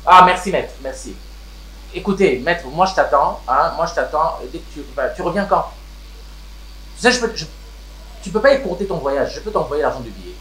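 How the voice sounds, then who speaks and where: A man's voice: on the high side, animated, a little fast, a bit bright. An actor with a Congolese French accent playing a wealthy man who looks after his siblings, switching between French and Lingala. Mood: eager, grateful. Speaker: wealthy family head. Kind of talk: Congolese TV series acting. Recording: roomy room with background music.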